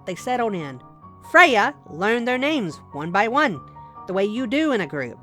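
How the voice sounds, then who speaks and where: A woman reads a scripted horror story as its narrator, measured, letting her sentences fall away softly at the ends. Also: medium pitch. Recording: music bed under voice. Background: music.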